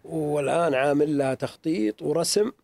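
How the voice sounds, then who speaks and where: Middle-aged man, sore throat, earnest storyteller; quick delivery, close dry sound. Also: on the high side, vocal fry, a little mellow, no room sound. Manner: earnest, storytelling, repeats himself for emphasis. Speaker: museum owner. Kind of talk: casual interview talk.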